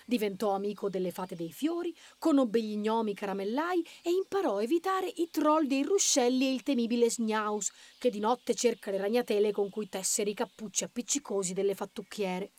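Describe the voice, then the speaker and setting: A woman reading a children's story aloud in a lively, expressive way, doing the characters' voices. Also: fairly high pitch, moderate pace, few pauses.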